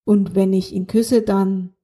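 A woman's voice: mid-range voice, flat delivery, takes it slowly, dark tone, natural voice. A woman voicing a young alien girl in a children's audiobook, flustered and defensive about her feelings. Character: young alien girl, shy and touchy in love.

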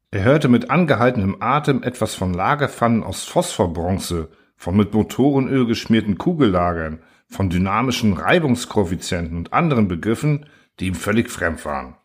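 Male audiobook narrator, low voice, measured storytelling. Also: slightly rough. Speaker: audiobook reader. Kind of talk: scripted narration.

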